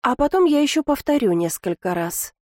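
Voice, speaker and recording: A woman's voice: high voice, sing-song, fairly quick, darkish tone, no room sound, studio quality. A woman narrating a first-person audiobook with a wry, ironic storytelling manner.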